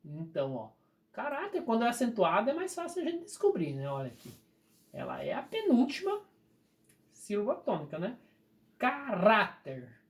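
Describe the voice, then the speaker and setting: A teacher with a Brazilian Portuguese accent, patiently explaining a recorded grammar lesson and slowly drawing out the key words. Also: medium pitch, wildly swooping pitch, a little mellow.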